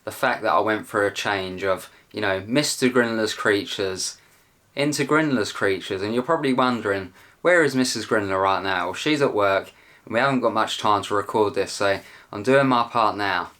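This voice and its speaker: A young man talks casually to his viewers in a voice that sits a little low. He rambles along in a chatty, self-deprecating way, like someone hosting his own channel. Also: normal speed, fairly bright tone. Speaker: channel host. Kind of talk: casual video chat.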